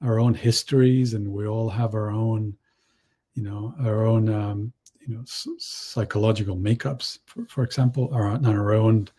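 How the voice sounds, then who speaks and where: Low husky-voiced man, mellow tone, halting panel talk with lots of restarts. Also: fairly even intonation. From Chile. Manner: halting, many restarts and fillers. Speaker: panel guest. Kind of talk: panel discussion.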